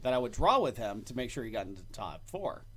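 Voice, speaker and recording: A man's voice: mid-range voice, sing-song, fast talker, fairly bright tone. A man hosting a casual podcast, telling stories with frequent laughter. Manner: storytelling, laughs often. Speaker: podcast host. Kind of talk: casual chat.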